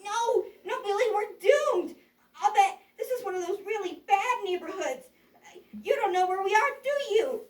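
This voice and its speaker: A performer voicing a childlike, excitable puppet in a children's show, exclaiming and stammering, easily frightened. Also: extremely high pitch, moderate pace. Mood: worried. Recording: roomy echo, distant mic.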